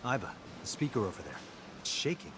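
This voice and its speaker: A man playing an inquisitive, down-to-earth detective in a video game, talking in a low-key, questioning way. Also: sing-song, brisk, background noise. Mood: puzzled, alert.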